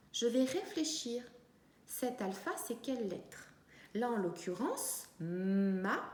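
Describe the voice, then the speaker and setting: A woman teacher giving a reading and writing lesson to young children, speaking slowly and clearly and stretching out the syllables. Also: a little high, darkish tone. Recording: echoey room.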